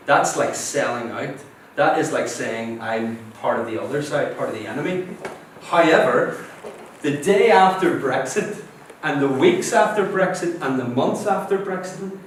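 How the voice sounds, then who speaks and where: A man's voice: medium pitch, a little hiss or hum. Man lecturing in an echoey hall. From Northern Ireland. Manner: explanatory, checks in with listeners. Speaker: guest lecturer. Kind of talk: university lecture. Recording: very echoey hall, distant mic, faint ambience.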